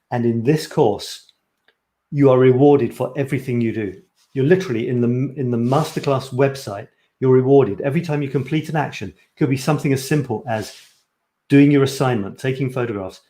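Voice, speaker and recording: A man originally from Scotland leads a live-streamed photography class, talking eagerly and rambling a little as he restarts his sentences. His voice is mellow and sits at an ordinary pitch. The room around him adds a noticeable echo. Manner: enthusiastic, chatty, self-correcting. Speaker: photography coach. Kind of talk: live-streamed course presentation.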